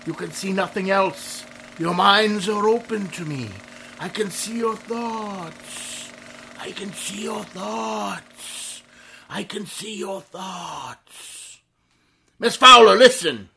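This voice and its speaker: A man's voice: high-pitched, takes it slowly, creaky, pushed and bright, a little hiss or hum, full character voice. An actor playing a suave, mocking male mystery vigilante in a 1930s-style radio drama, with a theatrical, menacing delivery. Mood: hypnotic. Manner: theatrical, menacing laugh, hypnotic intonation.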